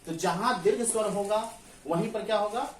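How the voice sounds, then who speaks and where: A man's voice: high-pitched, a little fast. A man teaches grammar in a classroom and keeps asking the students whether they understand. His voice carries through an echoey room. He stands some distance from the mic, with a faint hum of ambience behind him. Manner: asks the class questions and answers them himself, often checks "clear?".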